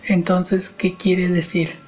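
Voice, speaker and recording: A man's voice: sits high, monotone, slow, darkish tone, highs cut off, faint music behind. A man voicing an exhausted, irritable man in an audiobook reading, giving short, clipped replies. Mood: tense.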